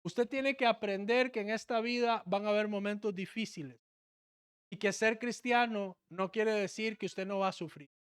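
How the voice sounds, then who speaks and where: A man's voice: sits high, moderate pace, clear, resonant tone. A Costa Rican man, a pastor, giving an impassioned sermon in a church and putting questions to the congregation. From Costa Rica.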